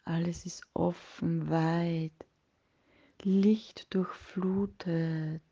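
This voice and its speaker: A woman leading a guided meditation in a soft, breathy, partly whispered voice, soothing and hushed, with long pauses between phrases. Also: fairly low pitch, fairly even intonation, dull audio.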